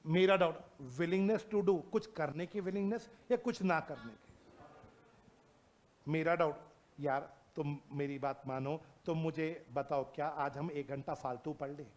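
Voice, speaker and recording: A male teacher giving a lively classroom lecture, mixing Hindi and English, asking his students constant questions and reading legal definitions out slowly. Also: on the high side.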